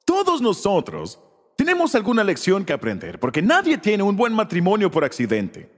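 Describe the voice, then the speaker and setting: High, lively-voiced male preacher. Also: normal speed, long reverb tail. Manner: preaching with frequent rhetorical check-ins to the congregation. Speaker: pastor. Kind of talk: sermon.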